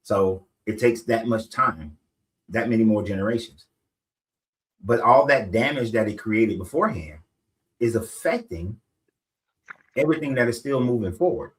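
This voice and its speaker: Middle-aged guy with a low voice, talks it through, keeps asking "right?". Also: expressive, moderate pace, pauses often, poor audio. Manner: explanatory, rhetorical asides. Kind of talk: casual discussion.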